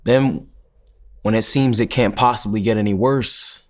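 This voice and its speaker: A man's voice: fairly low pitch, fairly even intonation, unhurried, lightly acted. An actor playing a jailed man, worn out and resigned, in a documentary theatre monologue. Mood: bitter resignation.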